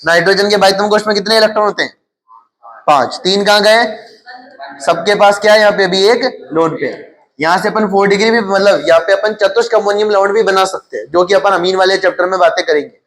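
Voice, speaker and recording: A man's voice: high-pitched, a little fast, a bit bright. A male chemistry teacher with a Hindi accent lecturing his class. He keeps asking questions and answers them himself, repeating the key terms.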